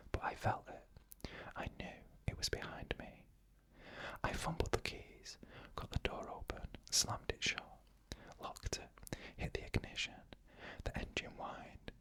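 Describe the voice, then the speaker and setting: In a suspenseful, slow whisper, an ASMR narrator shares creepy stories told in the first person. The delivery is hushed and nearly voiceless, remaining an unvoiced whisper throughout.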